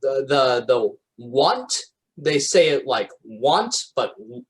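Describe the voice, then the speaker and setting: A man's voice: medium pitch, lively intonation, takes it slowly, rough recording. A man hosting a podcast in a casual, laid-back chat, saying "yeah, man". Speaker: podcast host.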